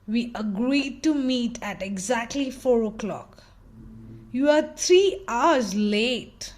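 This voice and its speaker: A woman voicing a grumpy, impatient male friend in a storybook, scolding him stern and slow. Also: on the high side, lively intonation.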